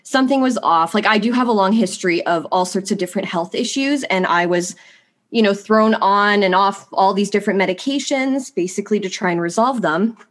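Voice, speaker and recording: Sniffling from allergies, a young woman in her adult years shares a candid personal story on a podcast, wandering through it with plenty of likes and you-knows. Her voice sits at a medium pitch and moves along briskly.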